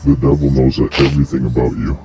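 Man through a deep-shifted voice changer as a menacing devil, slow and insistent, very low and flat. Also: over music. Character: menacing devil offering a soul deal. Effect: voice changer pitched very deep. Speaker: prank caller. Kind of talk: prank call over game voice chat.

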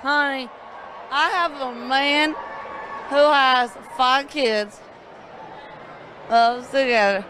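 A woman's voice: high voice, steady tone, extremely slow, long pauses, a crowd in the background, background noise. A young woman from Georgia giving a brash, rambling interview into a handheld microphone. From Georgia, United States. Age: young adult. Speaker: interviewee at a monster truck event. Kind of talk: boisterous vox-pop interview. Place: busy arena concourse.

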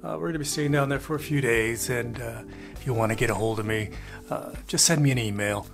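A man's voice: mid-range voice, a little fast, music in the background. An older man from Texas giving a casual talking-head RV travel update, rambling with lots of "uh" fillers and folksy asides. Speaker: RV travel vlogger. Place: plain indoor room, grey wall.

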